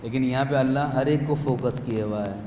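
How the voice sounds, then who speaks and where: Animated preacher, echoey hall. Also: male voice, medium pitch. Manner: animated, rising to loud calls then dropping to soft; plays out little scenes and asks the audience questions. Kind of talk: religious talk to young people at a retreat. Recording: echoey hall with faint room noise.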